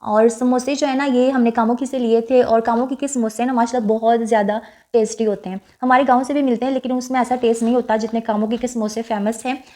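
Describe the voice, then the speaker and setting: Young woman vlogger, slightly high voice, casual chatty narration, reflective and wistful. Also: fairly even intonation, fast talker. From Pakistan. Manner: chatty, reflective, with frequent fillers; speaks softly and wistfully about her late mother.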